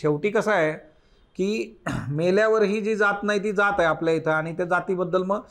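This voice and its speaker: A man's voice: sits high, normal speed, a bit bright. A man teaching a literature class for exam preparation. He reads passages aloud and explains them line by line, often addressing the class directly. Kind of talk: exam-prep lecture on a short story.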